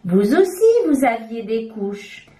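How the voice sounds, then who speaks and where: A kind hen nanny from a children's storybook, as a woman puts her on, gentle and motherly. Her mellow, lively voice sounds in an echoey room. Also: a little high, slow.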